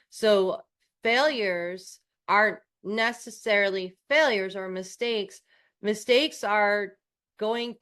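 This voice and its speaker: Woman, from New York, podcast co-host, casual chat, self-deprecating, mid pitch. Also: fairly bright tone. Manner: chatty, self-deprecating, many restarts.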